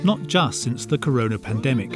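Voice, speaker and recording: Guy narrating a nature documentary, scripted read, mid pitch, music under it. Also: lively intonation, brisk.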